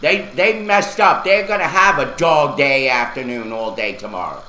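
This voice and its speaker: A man's voice: mid-range voice, normal speed, pushed and bright, roomy sound, poor audio. A man hosting a radio talk show, ranting angrily and swearing at local officials. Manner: furious, profane, ranting. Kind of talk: angry on-air rant.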